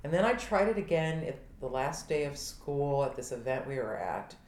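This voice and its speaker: A middle-aged woman chatting casually as a podcast co-host, telling personal stories in an earnest, halting, self-deprecating way. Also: deep voice, very animated, darkish tone. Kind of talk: casual chat. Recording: echoey room.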